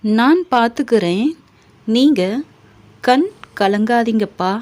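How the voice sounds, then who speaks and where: Humble young son in a storybook reading, earnest and quiet, slow delivery , read by a woman. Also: a little high, expressive. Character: young adult son, newly working, humble.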